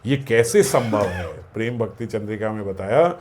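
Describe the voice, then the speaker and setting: A man giving a devotional discourse, explaining scripture verses, asking his own questions and answering them, and slowing down to chant Sanskrit lines. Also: fairly low pitch, lively intonation, darkish tone, slight background noise. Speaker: spiritual discourse speaker.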